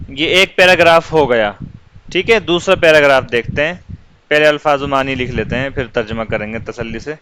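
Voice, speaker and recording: A man with an Urdu accent teaching English words, dictating slowly and repeating each meaning for students to copy. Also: medium pitch, a bit bright, slight background noise, rough recording. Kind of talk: vocabulary lesson dictation.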